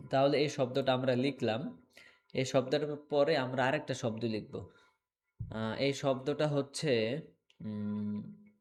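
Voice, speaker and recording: A male teacher giving an online English lesson, taking his time over every word at an unhurried pace. He repeats himself patiently and keeps asking whether the class follows, with the clack of keyboard typing now and then behind him. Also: medium pitch, darkish tone. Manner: slow, repetitive, checks understanding often.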